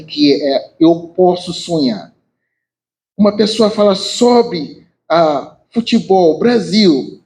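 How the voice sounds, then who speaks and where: A man from Nigeria with a Nigerian English accent in non-native Portuguese, giving an earnest, halting informal speech as an artist. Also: high-pitched, a little mellow, low-quality recording. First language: not a native Portuguese speaker. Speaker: visual artist.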